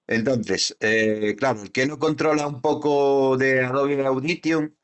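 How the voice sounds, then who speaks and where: A man's voice: mid-range voice, fairly even intonation, a little slow, smooth. A man co-hosting a podcast in casual chat, rambling with lots of fillers and restarts. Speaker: podcast co-host. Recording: dull lo-fi podcast audio.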